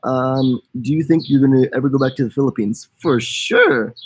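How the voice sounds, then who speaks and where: A man's voice: medium pitch, normal speed, slight background noise. A young man from the United States co-hosting a casual live stream, joking and reading viewer comments aloud. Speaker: co-host of a travel channel.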